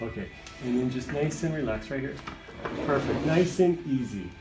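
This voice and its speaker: A man's voice: mid-range voice, expressive, normal speed. A man working as a chiropractor, casually talking a patient through a hands-on adjustment with short, reassuring instructions. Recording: echoey room, distant mic, music behind.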